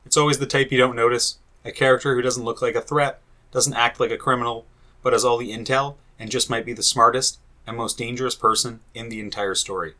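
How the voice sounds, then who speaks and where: A man narrates a scripted video essay with a bright, forward tone. His delivery is deliberate and emphatic, and he leans on key words as he builds his points. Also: mid-range voice, steady tone. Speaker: gaming video host.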